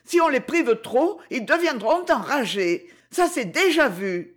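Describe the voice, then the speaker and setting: A woman doing a freezing girl, high and pleading. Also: expressive, measured pace. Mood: panicked. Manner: pleading, tearful, sobbing. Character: frightened freezing young girl, despairing.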